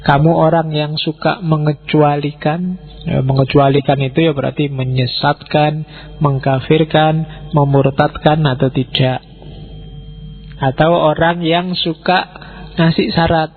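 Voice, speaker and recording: A man gives a casual philosophy lecture in a slightly high voice. He talks conversationally and keeps turning to his listeners with questions. The recording is thin and phone-like, with faint music underneath. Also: fairly even intonation, a little slow. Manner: conversational, mixes in Javanese words, asks listeners directly.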